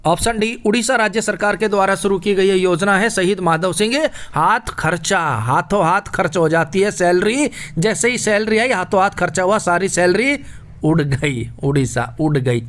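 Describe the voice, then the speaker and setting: A man's voice: high voice, moderate pace, a bit bright. A man teaching a current affairs quiz lesson, joking through memory tricks and calling his listeners brother. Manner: playful, jokey mnemonics, addresses listeners as brother. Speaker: exam coaching teacher.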